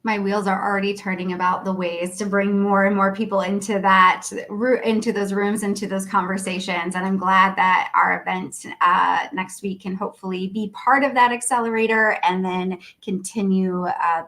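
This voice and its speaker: A woman's voice: medium pitch, a bit bright. A woman hosting an interview over a video call, asking thoughtful, curious questions. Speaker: interview host.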